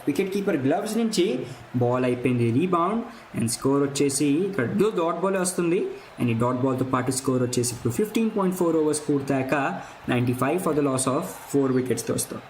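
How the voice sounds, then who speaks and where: A man with an Indian accent giving excited live play-by-play cricket commentary, switching between Telugu and English phrases. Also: medium pitch, quick pace. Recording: roomy echo, clear background noise.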